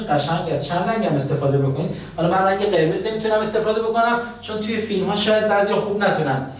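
Man, English teacher, drills phrases slowly and clearly, higher voice, heavy echo. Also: darkish tone. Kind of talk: language lesson, explaining and drilling phrases. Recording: very echoey room, voice from a distance.

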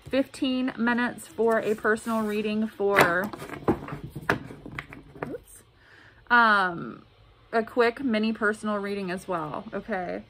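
A woman speaking through a face mask, slightly muffled, giving a casual, halting and earnest tarot reading to camera. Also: medium pitch, fairly even intonation. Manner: halting, earnest, repeats words. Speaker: tarot reader. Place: indoor room at a table. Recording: clearly noisy room recording.

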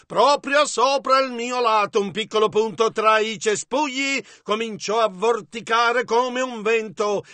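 A man translating a preacher phrase by phrase in a calm, measured voice-over. His voice is fairly high and bright, and he paces himself slowly. The sound is close and dry, with no room around it. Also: no echo. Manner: measured, steady delivery. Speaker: interpreter. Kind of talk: translating a sermon line by line.

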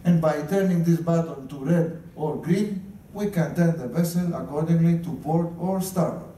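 Speaking at a normal speed in a fairly high yet dark-toned voice, this middle-aged captain from Greece, who has a Greek accent, jokes his way through a guided talk for guests on the ship's bridge and chuckles at his own gags. It was captured from far off in an echoey indoor room.

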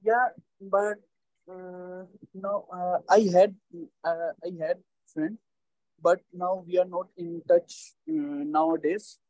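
Halting, high-voiced Pakistani man. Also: steady tone, a little mellow, no echo, rough recording. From Lahore, Pakistan. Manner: halting, hesitant non-native English. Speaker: language test candidate. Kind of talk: spoken test answers.

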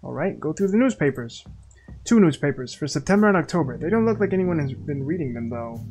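A man's voice: a little high, lively intonation, fast talker, a little mellow, soft background music. A man playing a video game, chatting casually and reading its text aloud. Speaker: gaming video creator. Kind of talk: let's play commentary and reading.

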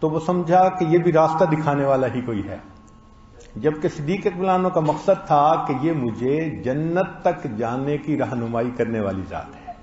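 A man preaching a sermon, telling stories and acting out quoted lines in a slow, deliberate delivery. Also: on the high side, expressive, darkish tone. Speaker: Islamic preacher. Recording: roomy, dull lo-fi recording.

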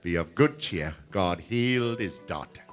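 A man pastor leading a healing service, blessing people with emphatic repetition and now and then breaking into song or shouting. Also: low voice, lively intonation, a little slow, faint music behind.

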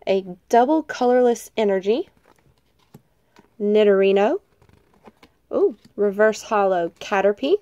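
A woman's voice: mid-range voice, dark tone, dry recording. A woman with a nasal voice, getting over a cold, casually chatting as she opens trading card packs and reads off each card. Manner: reads off cards one by one, light laughs. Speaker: card-opening channel host. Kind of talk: casual chat.

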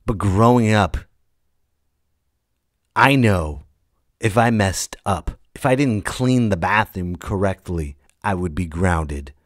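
A late-thirties man hosts his own podcast, his low voice lively in intonation but slow, with many pauses. He rants and tells stories casually, bluntly and emphatically, swearing and voicing quoted lines. No room sound is audible in this studio-quality recording.

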